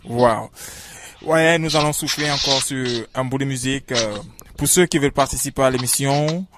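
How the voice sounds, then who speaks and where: A man hosting a radio interview, talking with many halting fillers. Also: medium pitch, noisy background. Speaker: radio host.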